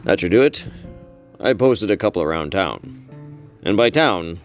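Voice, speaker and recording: Man, very deep voice, slow unhurried pace, deadpan story narration, faint music behind. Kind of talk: wry first-person story narration.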